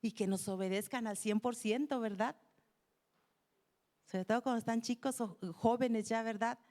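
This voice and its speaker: A woman's voice: mid-range voice, warm tone. A woman preaching a sermon to a congregation in a conversational way, often turning to them with questions. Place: church.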